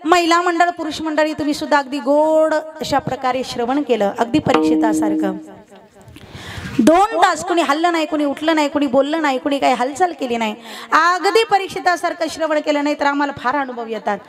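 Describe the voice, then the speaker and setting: A young woman kirtan preacher, giving a loud, animated devotional sermon before a live audience, teasing and telling stories. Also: high-pitched, fairly quick, faint music behind. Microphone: sound system microphone.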